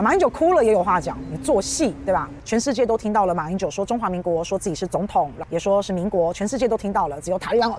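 A woman's voice: mid-range voice, a little mellow, a little hiss or hum. A woman hosting a solo political commentary podcast, sarcastic and full of rhetorical questions.

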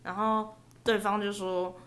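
A young woman telling a story on a podcast, lively and laughing often, on a headset mic. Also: medium pitch, measured pace. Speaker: podcast co-host. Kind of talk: casual chat, storytelling. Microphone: headset microphone.

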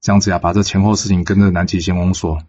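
A man casually narrating a classic folk tale in a relaxed, filler-heavy way. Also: sits low, fast talker, dull audio. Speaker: storyteller.

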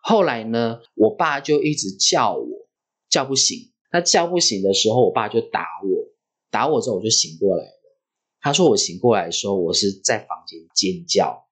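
A man, hosting a podcast and telling a story in a vivid, animated way. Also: on the low side, normal speed, breathy edge. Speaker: podcast host.

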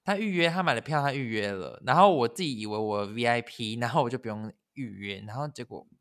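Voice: medium pitch, lively intonation, a bit bright. A podcast co-host, chatting casually, teasing the other host and telling a funny story. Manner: quick, chatty, teasing, laughs easily.

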